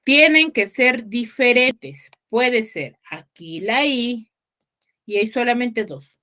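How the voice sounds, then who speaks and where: A woman's voice: fairly high pitch, expressive, slow pace, bright, forceful tone. A woman teacher giving an online class, patient and checking in with students often. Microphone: video call.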